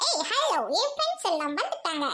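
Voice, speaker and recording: A woman's voice: very high-pitched, big pitch swings, a little fast, bright, forceful tone. A woman dubbing a kids' cartoon, bossy and teasing in her lines. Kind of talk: cartoon dubbing, many voices. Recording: noisy homemade recording.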